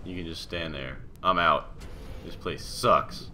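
Man, very low voice, slow and lively delivery, sarcastic gamer commentary, swears when frustrated. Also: slight background noise. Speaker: gamer playing a story game. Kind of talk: casual let's-play commentary. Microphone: desktop microphone.

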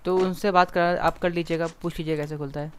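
A young male game streamer with a notably high voice, talking casually with a teammate. He fires off quick, repeated callouts whenever a fight breaks out. His live chat has a loose, running feel. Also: steady tone, a little hiss or hum.

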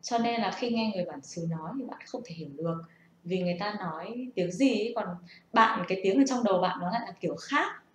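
A woman's voice: medium pitch, quick pace, a little hiss or hum. A young woman gives a casual, patient spoken lesson and asks the listener rhetorical questions. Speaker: self-taught English learner sharing tips. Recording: echoey room.

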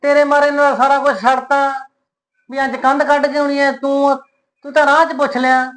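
A woman's voice: sits high, flat delivery, moderate pace, natural voice. A woman playing a lazy, teasing village mason man with a Punjabi accent, brushing off complaints in an easygoing way. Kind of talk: comic short-film acting.

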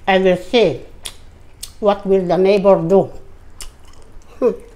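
A woman's voice: mid-range voice, fairly even intonation, dark tone. Filipino woman talking while chewing. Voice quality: food-muffled speech. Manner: slow, broken English with Tagalog words. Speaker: vlogger. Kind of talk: mukbang eating vlog.

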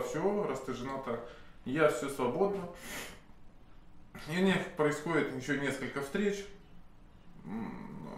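A man in his thirties with a slight cold, his voice medium in pitch and fairly bright, tells a long, unscripted story to camera. He's a self-styled sorcerer recounting a client's story, rambling with many pauses, hesitation sounds and restarts, in an indoor office room with candles. The recording is very echoey with a faint hiss.

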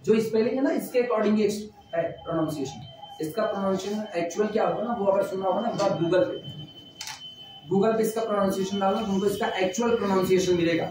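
A man's voice: high voice, fast talker, noisy background. A man teaching math in a classroom, chatting and repeating phrases as he dictates notes. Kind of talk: classroom lecture. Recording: echoey room, mic far off.

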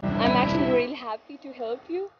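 Woman speaking with a high voice. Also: a little fast, highs cut off. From Pakistan. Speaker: passer-by. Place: city street outdoors. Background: music.

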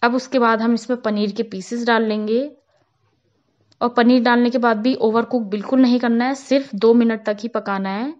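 A home cooking tutorial is narrated in voice-over by a cooking channel host, a woman with a fairly high voice who goes through each step calmly and instructively at a moderate pace. The audio is a little dull and lo-fi.

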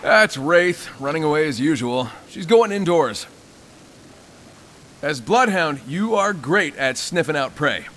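A man's voice: fairly high pitch, animated, a little slow, fairly bright tone, a little hiss or hum. An actor voicing a cocky, wisecracking male squadmate who coaches a rookie through a game tutorial with teasing jokes. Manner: teasing, joking, bouncy delivery. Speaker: tutorial guide character. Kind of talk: game voice acting.

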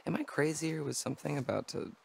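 A man's voice: fairly high pitch, fast talker, creaky, darkish tone, slightly rough, no echo, full character voice. A young male actor playing a wounded, wryly joking young man in a video game cutscene. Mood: wry, hesitant. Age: young adult. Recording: game ambience noise behind the voice.

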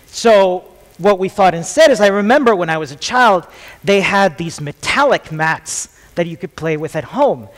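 A man's voice: high voice, animated, normal speed, a bit bright. Chatty man on a theatre stage. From Chile. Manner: jokey, chatty, many ums. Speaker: conference speaker. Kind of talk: casual tech talk. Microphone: headset mic. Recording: long hall reverb.

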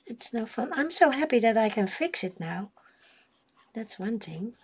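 A woman chatting casually on a drawing livestream in unhurried, trailing murmurs, with a pencil scratching on paper. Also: a little high, big pitch swings. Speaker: colouring livestream host. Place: indoors at a drawing desk. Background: pencil scratching on rough paper.

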